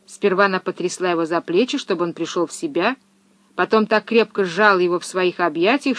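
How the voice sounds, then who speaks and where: A woman narrating a children's storybook in a lively, expressive way. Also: mid-range voice, no echo.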